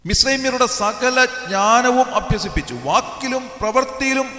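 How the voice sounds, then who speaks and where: A man giving a devotional sermon in an earnest voice that rises and falls widely and slows on key words. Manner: earnest, swinging widely in pitch and loudness, slowing on key words. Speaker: preacher. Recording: echoey hall.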